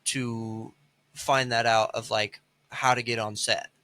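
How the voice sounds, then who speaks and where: A man hosting a podcast who asks long, halting questions and often restarts them. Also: mid-range voice, level tone, bright, forceful tone. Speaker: podcast host. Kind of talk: interview questions.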